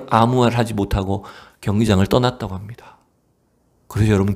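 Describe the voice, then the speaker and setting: Man, pastor, church sermon, dramatic storyteller, rhetorical questions, sudden hushed whispers. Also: fairly low pitch. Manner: dramatic storytelling, swinging from raised exclamations to hushed near-whispers; asks the congregation rhetorical questions. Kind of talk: Wednesday evening sermon. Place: church sanctuary.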